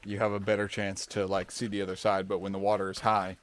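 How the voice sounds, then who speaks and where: A man's voice: sits low, completely flat delivery, fast talker. A man from the United States chatting casually as a travel vlogger, rambling with strong opinions and laughing often. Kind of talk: casual chat.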